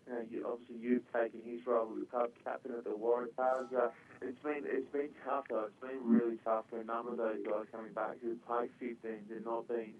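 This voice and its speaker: A man hosting a sports podcast in a relaxed, chatty way, calling in from a hotel over a phone line. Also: medium pitch, fairly quick, hardly any pauses, a little hiss or hum. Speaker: podcast host. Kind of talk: casual sports chat.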